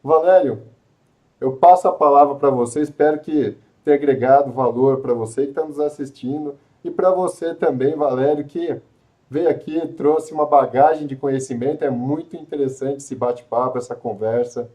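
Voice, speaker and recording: A man's voice: mid-range voice, normal speed, dark tone, rough recording. A man hosting a live web show, talking earnestly with frequent restarts and repetitions. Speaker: host. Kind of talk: live web show chat and course pitch.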